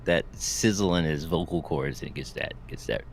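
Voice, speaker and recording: A man casually explaining technical matters in a halting way, often restarting his phrases. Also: rumbling low, vocal fry, a little hiss or hum.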